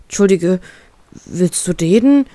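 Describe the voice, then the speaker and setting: Woman doing a soft-hearted fluffy bear pirate, stammering and flustered. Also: lowish voice, lively intonation, measured pace, no echo. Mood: worried. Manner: worried, stammering, soft-spoken.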